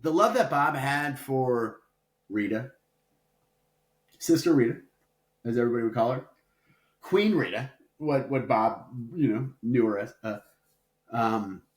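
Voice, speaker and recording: A podcast co-host with a medium-pitched, lively voice speaks a little slowly and pauses often. He rambles through a casual chat in a playfully dramatic way, full of filler words, with a roomy echo on the recording.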